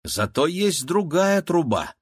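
A man voicing a quick-witted, teasing teenage girl in an audiobook, raising his voice high for her. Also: big pitch swings, slightly rough, exaggerated voice. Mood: eager. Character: quick-witted teenage girl, sharp-tongued twin sister. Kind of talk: audiobook character voice.

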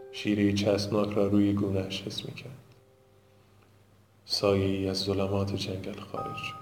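Guy narrating a story, low steady voice, echoey room and music behind. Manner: measured, dramatic storytelling. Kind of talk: scripted audiobook narration. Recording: roomy with background music.

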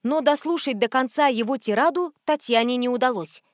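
A woman narrating an audiobook in a steady, even storytelling read. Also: sits high, fairly quick, no echo, studio quality. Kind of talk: scripted narration.

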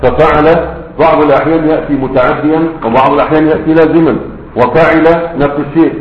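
A man's voice: fairly high pitch, fairly even intonation, fast. A man with an Egyptian Arabic accent teaching a grammar lesson, explaining step by step and often checking that his students follow. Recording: roomy, dull lo-fi lecture recording.

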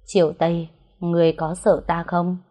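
A woman voicing a feared man who speaks calmly and with quiet menace. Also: lowish voice, moderate pace, lightly acted. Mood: cold. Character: cold, feared male boss figure.

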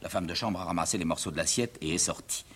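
A man reading out the stage directions of a play in a low, quiet, even way. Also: quick pace, slightly rough. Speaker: reader.

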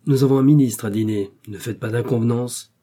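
A man's voice: medium pitch, steady tone, a little fast, dark tone, close to an everyday voice. A man reading aloud, voicing a mocking, courtly man of society in an audiobook. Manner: ironic, courtly.

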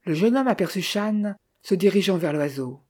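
A narrator reading a classic detective novel aloud in a measured, even manner. The voice is mellow and dark, with a slightly husky edge. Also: mid-range voice. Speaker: audiobook narrator. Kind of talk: audiobook narration.

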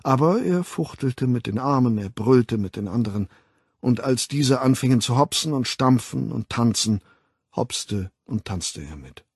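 A man reads a novel aloud in a measured, dramatic way, his voice very husky and breathy. He takes his time over each phrase. The recording is close and dry, with no room sound. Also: mid-range voice, lively intonation, darkish tone, dry recording. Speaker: audiobook narrator. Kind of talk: scripted audiobook narration.

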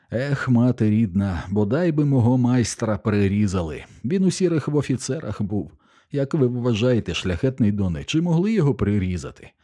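A timid middle-aged blacksmith who mumbles his worries in simple words, as a male audiobook reader acts him out. His voice is low and mellow. He frets and keeps asking for reassurance. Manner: mumbling, anxious, plain-spoken.

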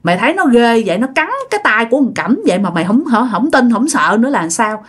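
A woman's voice: fairly high pitch, sing-song, fast, slightly rough. A woman voicing a stern old grandmother who scolds her grown son. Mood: scolding. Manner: harsh, scolding.

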